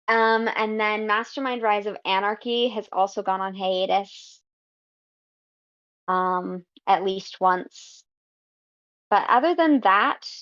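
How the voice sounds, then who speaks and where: Thoughtful woman guest chatting about her writing, relaxed and unhurried, muffled lo-fi audio. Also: mid-range voice. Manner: unhurried, thoughtful, frequent ums. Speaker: guest fanfiction writer. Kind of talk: casual podcast interview. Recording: slightly dull lo-fi audio.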